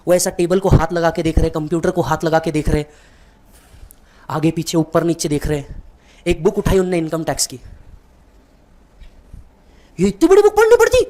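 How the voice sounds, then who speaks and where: A man's voice: on the high side, little pitch movement, brisk, pauses often, a little mellow. A man giving a motivational speech, telling a dramatic story straight to the listener. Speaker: motivational speaker.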